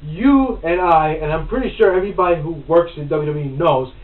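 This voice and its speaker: Excitable, foul-mouthed man on a lo-fi podcast. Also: fairly high pitch, brisk. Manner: animated, swears freely, gets loud when worked up. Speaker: podcast host. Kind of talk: casual wrestling chat. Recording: roomy, distant, phone-like, faint noise.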